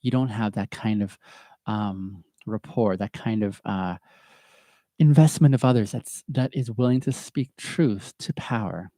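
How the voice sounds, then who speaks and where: A man's voice: lowish voice, measured pace, mellow, no room sound, clean studio sound. A middle-aged man hosting a podcast from home, talking in a chatty, earnest way and often laughing at himself. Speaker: podcast host. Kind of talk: casual reflective monologue.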